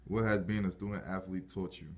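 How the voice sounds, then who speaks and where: A man's voice: low voice, little pitch movement, fairly quick. A man reading out prepared questions as an interviewer.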